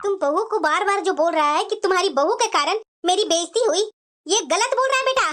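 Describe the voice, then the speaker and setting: A woman plays an elderly mother-in-law in a cartoon story, stern with her son and protective of her daughter-in-law. She scolds in a very high, thin voice. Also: lively intonation, brisk, fairly bright tone, soft background music. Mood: scolding. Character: caring older mother-in-law with sore knees.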